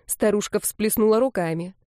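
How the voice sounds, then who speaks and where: A woman narrates a story in a lively, expressive way at a middle pitch. The recording is close and completely dry, with no room around it. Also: moderate pace, dry recording. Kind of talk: audiobook narration.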